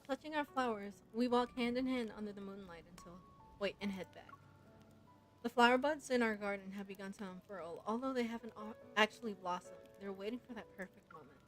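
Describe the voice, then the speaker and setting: A young woman reading a story game aloud, breaking into chatty, excited asides. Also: mid-range voice, a little fast, faint music behind, poor audio. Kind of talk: casual playthrough narration.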